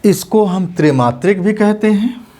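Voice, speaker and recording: A male teacher giving an exam-prep lesson, explaining patiently and repeating definitions slowly so students can write them down. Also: high-pitched, animated, warm tone.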